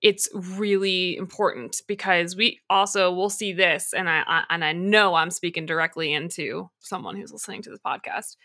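Woman, podcast host, bright tone, earnest, talks to listeners directly. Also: on the low side, steady tone, normal speed, few pauses. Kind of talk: casual podcast chat.

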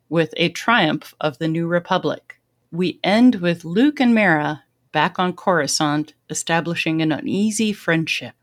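A woman hosting a podcast, recapping a book's plot and then chatting casually in a self-deprecating way. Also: lowish voice. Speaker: podcast host.

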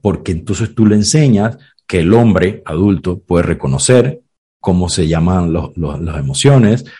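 This clinical psychologist's deep, warm voice has a breathy edge; he's animated yet unhurried. Reflecting on ideas in a podcast, he offers examples and acted quotes and keeps checking in with "you know?", using "¿sabes?" and "¿ves?" tags.

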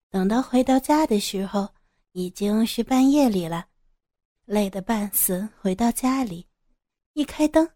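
A woman narrating a serialized audio story with a calm, steady, descriptive reading. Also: medium pitch, no echo, studio quality.

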